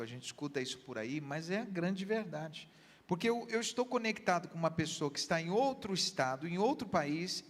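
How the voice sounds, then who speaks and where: Speaking in a large hall, a man with a slightly high voice and a Brazilian Portuguese accent appears as a guest pastor on a church program. He gives earnest counseling advice, drawing on everyday examples.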